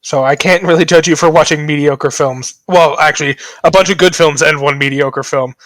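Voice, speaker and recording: A man's voice: fairly high pitch, fairly even intonation, normal speed, fairly bright tone, no echo. A young man hosting a podcast, casual and joking, rambling and self-deprecating. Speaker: podcast host.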